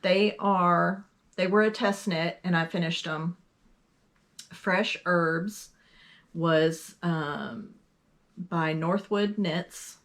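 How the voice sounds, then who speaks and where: A woman from Texas co-hosts a relaxed podcast, speaking at an unhurried, drawn-out pace. Her voice sits somewhat low, and she often pauses with ums and loses her thread. The talk is easy, friendly chat. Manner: slow, chatty, trailing off with ums. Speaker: podcast co-host. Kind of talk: casual knitting podcast chat.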